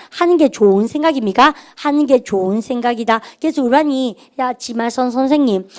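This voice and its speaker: A middle-aged woman teaching an English grammar class, animated and having students repeat phrases after her. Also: on the high side. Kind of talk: classroom lecture.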